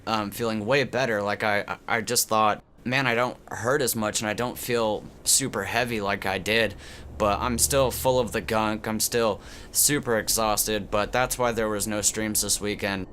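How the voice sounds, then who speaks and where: His lowish voice is steady and fairly bright, moving at a moderate pace, but a cold leaves it stuffy, like talking through a tube. He hosts his gaming channel with rambling, loose commentary full of fillers and restarts, and a little hiss or hum is audible.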